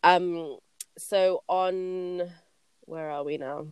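A woman's voice: fairly low pitch, steady tone, very slow, clear, resonant tone, no echo. A woman, co-hosting a podcast and telling a story in a loose, chatty way. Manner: chatty, laughs often, loses her place. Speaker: podcast co-host. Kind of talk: casual storytelling chat.

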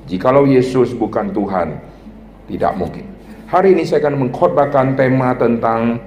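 Animated preacher in an echoey room. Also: male voice, mid-range voice. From North Sumatra, Indonesia. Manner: animated, addresses the congregation as "saudara", rhetorical questions. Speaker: pastor. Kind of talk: sermon.

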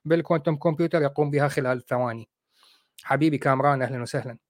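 Fast, sarcastic Iraqi man. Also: mid-range voice, dry recording, clean studio sound. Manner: sarcastic, mocking. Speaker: host. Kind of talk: livestream commentary.

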